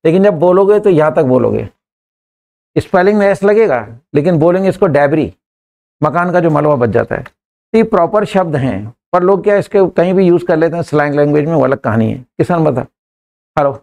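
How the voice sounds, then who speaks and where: An English teacher, coaxing his students through sentences and repeating them slowly word by word in a live class. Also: a little high, lively intonation, vocal fry, a little mellow.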